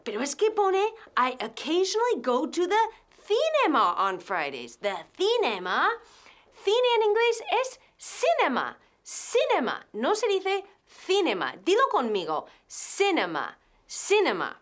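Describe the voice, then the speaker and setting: A bossy, theatrical woman in a TV comedy sketch. Her high voice swoops up and down and she draws out her words slowly. She is haughty and teasing. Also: huge pitch swings, a bit bright, heavily acted. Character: bossy woman with staff, scolding a secret admirer.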